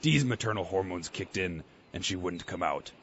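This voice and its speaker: A boastful chickadee ghost pirate, played by a man in a radio skit, growling pirate talk. His voice is low and gravelly. The recording is lo-fi, with faint noise behind him. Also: animated, normal speed, a bit bright. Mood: gruff.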